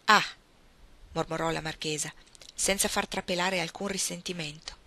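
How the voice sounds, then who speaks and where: A woman narrating a literary novel aloud, in a measured, expressive reading manner. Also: lowish voice. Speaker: audiobook reader.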